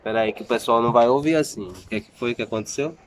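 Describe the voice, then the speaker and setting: A man's voice: medium pitch, very fast, reverberant, crowd noise. A man in his thirties from Salvador, Brazil, talking casually to his vlog viewers in a chatty, self-mocking way, often restarting his sentences. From Salvador, Bahia, Brazil. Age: 30s. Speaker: family vlogger.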